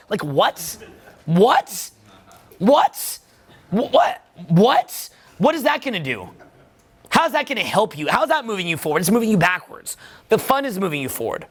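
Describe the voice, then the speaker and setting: A man's voice: sits high, fairly bright tone. A man giving emphatic, profane voice-over commentary as a dating coach.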